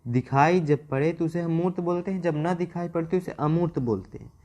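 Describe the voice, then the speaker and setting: A man's voice: a little high, brisk, mellow. A man teaching a Hindi grammar class, repeating key terms, stretching words for emphasis and asking questions he then answers himself. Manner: repetitive, asks and answers own questions. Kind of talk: classroom lecture.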